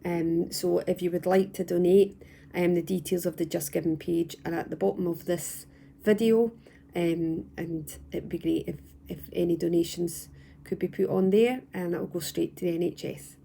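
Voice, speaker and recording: A calm woman from the United Kingdom with a gravelly, fairly low voice teaches crochet at a moderate pace in a step-by-step tutorial. Patient, she repeats and restarts phrases. She records at home indoors, with a little hiss or hum.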